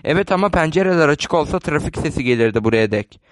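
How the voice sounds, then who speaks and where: A man's voice: fairly high pitch, expressive, fast, no echo, natural voice. A man reading the part of a dutiful, slightly flustered woman of the house, speaking earnestly.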